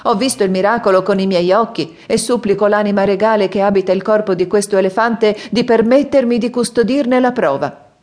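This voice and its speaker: A woman's voice: mid-range voice, a little fast, a little mellow, pitched above the performer's own voice, lightly acted. A woman voicing an awestruck village schoolmaster in an audiobook, urgent and imploring. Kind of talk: audiobook character voice.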